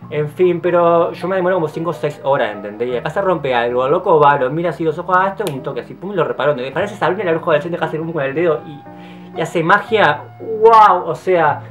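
Hombre joven rioplatense que habla rapidísimo. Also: male voice. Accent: Rioplatense Spanish. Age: 20s. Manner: very fast, tumbling talk with restarts and repeated words; effusive and playful, often trailing into low, soft asides. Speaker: vlogger. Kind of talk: casual monologue to camera. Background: faint guitar music.

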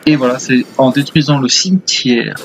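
A man's voice: medium pitch, moderate pace, a little hiss or hum. A man hosting a gaming video with casual, rambling commentary. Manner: rambling, chatty. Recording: faint game ambience behind voice. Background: video game sounds.

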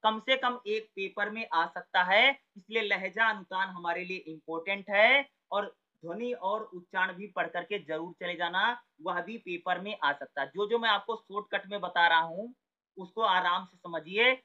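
A man's voice: sits high, normal speed, pushed and bright, muffled recording. A man teaching an exam-prep lesson in a conversational way, often asking a question and then answering it himself. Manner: conversational, repeats words, asks and answers his own questions.

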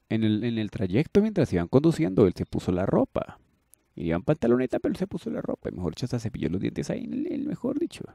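A man's voice: fairly low pitch, vocal fry, warm tone, no room sound, clean studio sound. A man casually improvising a fan-fiction story, rambling and playful with exaggerated praise and repeated filler phrases.

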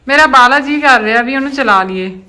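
A woman's voice: sits high, a little fast, sharp tone. A young woman chatting casually and expressively as she vlogs her cooking at home. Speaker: family vlogger. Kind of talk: casual chat while cooking. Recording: roomy echo, faint background noise.

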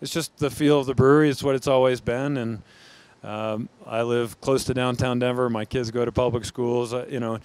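A man's voice: mid-range voice, fairly even intonation, moderate pace, a little mellow. A middle-aged American man, a brewery founder, being interviewed on a brewery floor with a handheld mic. He answers thoughtfully and often restarts his sentences. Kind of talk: on-camera interview. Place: large brewery floor among steel tanks.

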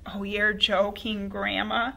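A woman reading aloud and voicing a frightened, disgusted little boy with drawn-out, pleading cries. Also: medium pitch, little pitch movement, vocal fry, pushed and bright, exaggerated voice.

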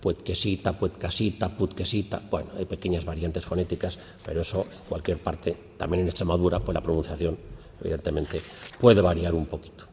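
A man gives an academic lecture in a mellow, fairly low voice. He explains patiently and lifts his voice for emphasis when he acts out questions. The recording carries a long hall reverb. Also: level tone, brisk, vocal fry.

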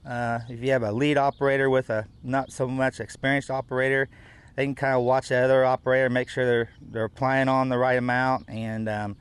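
A man's voice: medium pitch, flat delivery, a little fast, smooth. A middle-aged man, a farmer speaking practically in an on-camera interview outdoors, with fillers. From United States.

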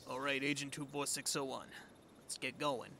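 A man playing a dutiful government agent in a fan audio roleplay, speaking in a brisk, official way. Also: medium pitch, fairly even intonation, gravelly, pushed and bright, slight background noise. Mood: businesslike.

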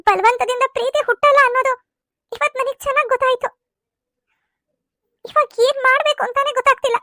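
A woman voicing a very high-pitched young bride. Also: steady tone, fairly quick, pushed and bright, no room sound, clean studio sound. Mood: sad. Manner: pleading, tearful complaining. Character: young bride and student, tearful and hurt. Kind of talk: cartoon serial voice acting.

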